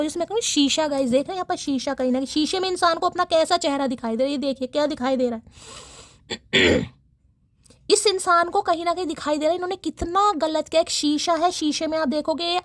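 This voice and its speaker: High-voiced woman giving a chatty tarot reading. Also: no echo. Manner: chatty, addresses viewers as guys, frequent throat clearing. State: dry, irritated throat. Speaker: tarot reader.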